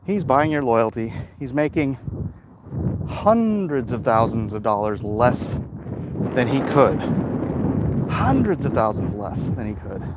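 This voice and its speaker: Medium in pitch yet very animated, the livestreaming comic artist speaks slowly and pauses often. He walks outside talking to his phone audience in a rambling, emphatic way, with plenty of noise from the walk around him.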